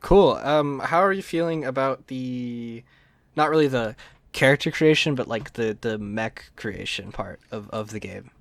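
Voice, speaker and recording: A man's voice: medium pitch, a little slow, vocal fry, no echo. A man hosting a casual chat, talking informally and circling back to rephrase himself. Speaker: podcast host interviewing a fellow player.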